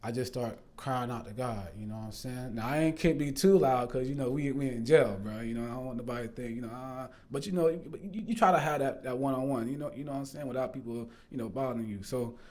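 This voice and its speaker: A man's voice: medium pitch, quick pace, few pauses, darkish tone. A man casually telling a personal faith testimony, rambling and earnest, full of fillers, restarts and "bro". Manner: earnest, swears the story is true. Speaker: storyteller sharing a faith testimony.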